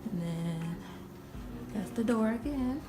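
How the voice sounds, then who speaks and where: A woman's voice: medium pitch, expressive, takes it slowly. A woman of twenty giving a casual, rambling vlog tour, full of "like" and "you know". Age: 20s. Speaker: vlogger. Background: background music.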